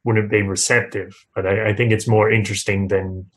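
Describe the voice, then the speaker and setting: Low-voiced man hosting a chatty interview. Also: little pitch movement, brisk, a bit bright, poor audio. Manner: encouraging, chuckles often, many back-channel hmms. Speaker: podcast host. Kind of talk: casual interview questioning.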